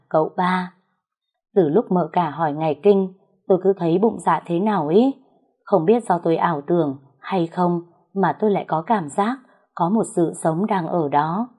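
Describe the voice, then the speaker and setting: Woman narrator for a first-person tale, low and mellow, calm delivery. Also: slightly rough. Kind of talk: storytelling narration.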